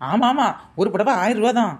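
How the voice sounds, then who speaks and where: A woman's voice: medium pitch, a little mellow, slightly rough. A woman trading gossipy, defensive banter in a comedy skit. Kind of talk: comic village-gossip skit.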